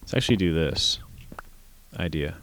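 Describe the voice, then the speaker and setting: A man's voice: extremely low pitch, animated, normal speed, a bit bright, slight background noise. A young man streaming a building game, muttering to himself in casual commentary as he works.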